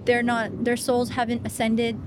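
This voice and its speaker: Chatty, animated woman guest. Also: on the high side, a little slow, background noise. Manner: animated, chatty, many fillers. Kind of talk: casual conversation about faith.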